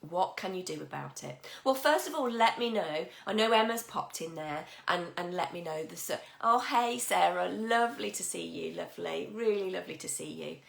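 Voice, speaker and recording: A woman leads a live coaching session in a husky, croaky voice with a gravelly edge. She chats encouragingly and greets viewers by name, her voice ringing a little in an echoey room. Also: fairly low pitch, lively intonation, moderate pace, hardly any pauses, fairly bright tone. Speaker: mindset coach. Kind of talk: live-stream coaching talk.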